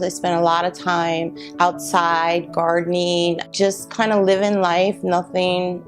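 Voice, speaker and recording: A middle-aged woman telling her own cancer survival story, reflective and halting with many pauses. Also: lowish voice. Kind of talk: personal testimony. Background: soft guitar music.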